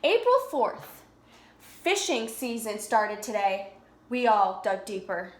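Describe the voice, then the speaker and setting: A woman with a mid-range, sing-song voice reads a picture book slowly to young children in an echoey room, with slight background noise. Like a preschool teacher, she explains in plain words and asks them questions.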